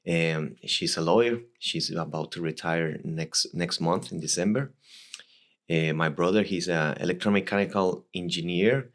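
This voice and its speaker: A man in his thirties from Costa Rica, speaking English with a Costa Rican Spanish accent as his second language, telling his life story as a podcast guest in a halting way with many restarts. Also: low voice, a bit bright. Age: 30s.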